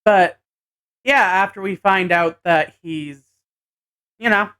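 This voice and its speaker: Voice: medium pitch, slow, bright, forceful tone, smooth. A person giving a casual episode recap vlog, hesitantly thinking aloud as they go. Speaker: anime and tokusatsu episode reviewer.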